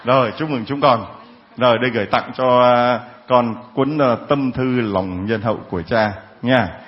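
A man preaching a sermon, his voice at an ordinary middle pitch and captured with a slightly dull, lo-fi quality. He talks in a jovial, teasing way, joking with the congregation as he goes. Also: normal speed. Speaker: priest.

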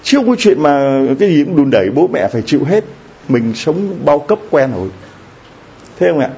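Warm-voiced priest preaching. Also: male voice, on the high side, big pitch swings, normal speed. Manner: conversational preaching with frequent rhetorical questions to the congregation. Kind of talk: sermon. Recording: slightly dull lo-fi recording with faint background noise.

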